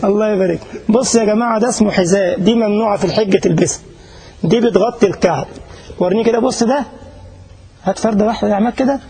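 An Egyptian sheikh teaches a casual religious class to a live audience in Germany, chatting, joking, speaking to listeners directly and repeatedly checking whether they follow. His voice sits high with a darkish, slightly rough tone, and the audio is poor.

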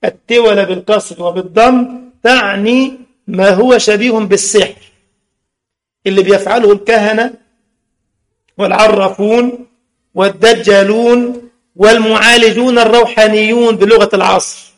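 A man's voice: high voice, fairly even intonation, moderate pace. A man with an Egyptian accent giving a religious lesson, mixing formal and colloquial speech and quizzing his listeners. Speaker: Islamic religious teacher.

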